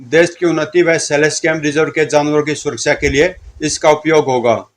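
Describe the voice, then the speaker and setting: A man's voice: fairly high pitch, steady tone, normal speed, close to an everyday voice. A man voicing a fierce young woman who defies and curses her enemy. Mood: defiant. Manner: defiant, cursing.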